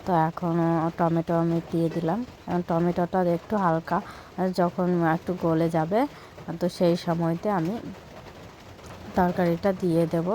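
A woman's voice: on the low side, level tone, normal speed, long pauses, dark tone, slight background noise. A woman vlogging outdoors while she has a cold and a cough, sometimes coaxing a small child in a sing-song voice. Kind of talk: casual vlog narration. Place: outdoors in fields.

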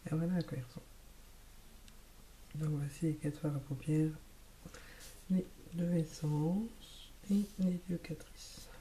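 A woman's voice: sits low, slow pace, long pauses, warm tone, a little hiss or hum. A woman vlogger chatting casually about the makeup she bought, half-whispering some words. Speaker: beauty vlogger. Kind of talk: casual makeup haul chat. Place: home room with lights.

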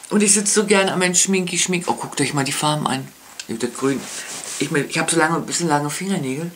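A woman's voice: on the low side, gravelly, fairly bright tone, a little hiss or hum. Gushing woman unboxing makeup. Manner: gushing, lots of oh and whispered asides. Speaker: beauty vlogger. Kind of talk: casual unboxing chat.

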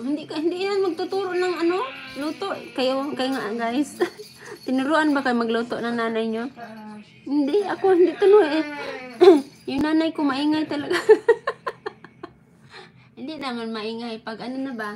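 A woman's voice: a little high, a little mellow, slight background noise. A woman hosting a casual live stream at home, chatting to viewers and laughing often between phrases. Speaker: livestream host reading viewer comments. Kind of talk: casual live chat over coffee.

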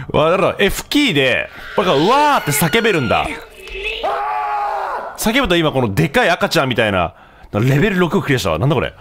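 A man doing casual, mocking gameplay commentary as a streamer, breaking into sudden loud outbursts. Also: fairly high pitch.

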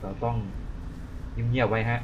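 A man's voice: mid-range voice, flat delivery, a little slow, lo-fi sound, noisy background. A young man keeps up a nervous, chatty commentary while playing a horror game, talking constantly to beat his fear and often crying out in alarm. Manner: jumpy exclaims in alarm. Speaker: gaming channel host.

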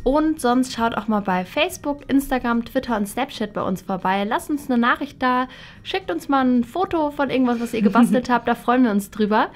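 A woman's voice: on the high side, expressive, normal speed. A woman co-host cheerfully inviting viewers to get in touch at the end of a video. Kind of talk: casual video outro.

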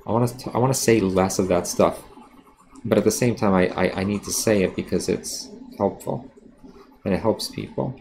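A man with a low, gravelly voice talks through a drawing demonstration on a live stream, blunt and rambling with plenty of fillers. His tone is dark and mellow. A faint hiss sits under the recording. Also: normal speed. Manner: self-aware about sounding defensive. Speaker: art teacher. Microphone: streaming setup while drawing.

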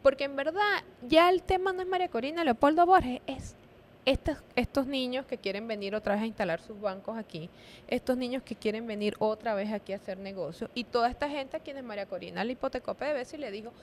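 A woman co-hosting a political interview, her voice sitting a little high. She makes pointed remarks and chimes in with quick agreement. Faint noise runs behind her. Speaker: co-host.

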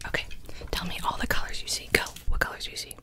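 A young woman in her twenties doing a fast ASMR whispered role-play as a brisk medical examiner, giving clipped, repetitive instructions close to the mic. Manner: fast, brisk, clipped ASMR delivery with repeated short words. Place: small indoor room with gaming chair. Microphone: desk microphone close in front of her.

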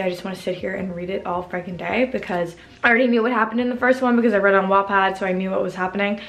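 A woman's voice: medium pitch, a bit bright. Chatty young woman in a roomy kitchen. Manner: chatty, upbeat, lots of "like". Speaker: vlogger. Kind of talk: casual vlog chat. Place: home kitchen.

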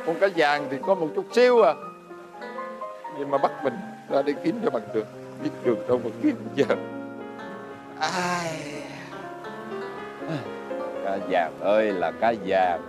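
A man's voice: medium pitch, lightly acted. An actor playing a poor, good-natured old fisherman who talks meekly and hesitantly with frequent chuckles.

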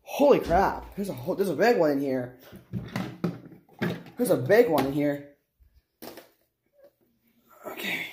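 A woman's voice: low-pitched, lively intonation, a little slow, long pauses, warm tone, slight background noise. A woman hosting a plush toy show, chattily narrating her toy play and talking to herself. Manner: chatty, talks to herself while acting out play.

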